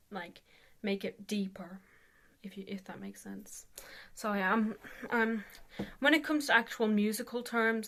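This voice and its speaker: A woman with a bright, forceful voice talks through an informal tutorial. She is hesitant and self-deprecating, wandering through her sentences with plenty of "like" along the way. Her pitch sits in an ordinary female range. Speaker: amateur metal vocalist giving a tutorial. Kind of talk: casual rambling video tutorial.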